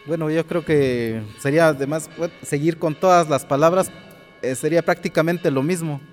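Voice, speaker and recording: A man in a language workshop speaking hesitantly, pausing and restarting his phrases. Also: on the high side. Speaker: workshop participant. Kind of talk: classroom exchange. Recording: hall reverb, faint music.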